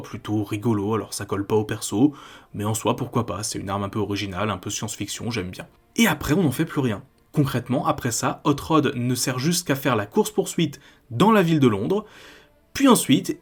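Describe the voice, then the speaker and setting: Guy from france doing a critical video essay, mid pitch, chatty with lots of "bah" fillers. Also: husky. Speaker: YouTube host.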